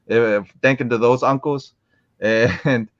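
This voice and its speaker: A young man from Florida chats casually as an interview guest. He rambles, restarts his sentences and fills the gaps, and his voice sits at an average pitch. The recording sounds a little muffled and lo-fi. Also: fairly even intonation, takes it slowly. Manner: rambling with many restarts and fillers. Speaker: interviewed guest, comic collector.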